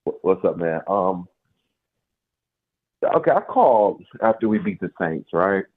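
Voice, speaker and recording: A man phones in to a sports talk radio show, his lowish voice squeezed into a thin, tinny phone line. He talks casually and with emphasis, a frustrated fan venting about the game. Every word comes through the narrow band of a call-in line. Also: very animated, measured pace. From Nashville area, US South. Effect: caller heard over a phone line.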